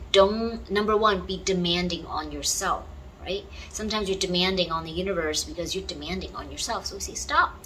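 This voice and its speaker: A woman's voice: on the low side, pushed and bright, slight background noise, rough recording. A woman channeling spiritual advice, talking in a coaxing way and often checking in with the listener. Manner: coaxing, checks in with "right?" and "okay?".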